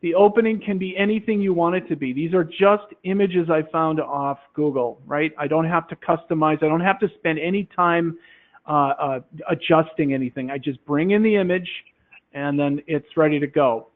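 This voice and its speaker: A man demonstrating a classroom quiz game, explaining in a relaxed way with many fillers into a headset. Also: on the high side, normal speed. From Minnesota, USA. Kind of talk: software demonstration talk. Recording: tinny phone-like line.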